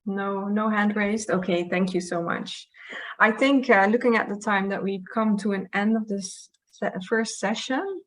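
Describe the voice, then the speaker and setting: A woman moderates questions in an informal online session. Her voice sits at a middle pitch. She speaks hesitantly, often searching for the next word. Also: measured pace, fairly bright tone.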